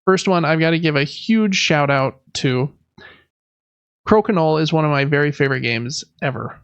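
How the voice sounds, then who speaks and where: Eager and casual, this man hosts a board game podcast, his voice sitting fairly high. There's no echo on the audio, though the high frequencies are cut off.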